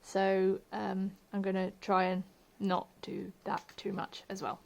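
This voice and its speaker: A woman's voice: mid-range voice, completely flat delivery, measured pace, vocal fry. Chatty woman teaching crochet. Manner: chatty, self-deprecating, drops to murmurs while working; says she has her posh telephone voice on. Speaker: crochet tutorial host. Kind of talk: casual home tutorial.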